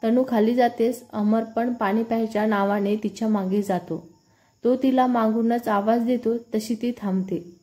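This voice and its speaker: A woman reading a story aloud in an even, unhurried scripted narration. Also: fairly high pitch.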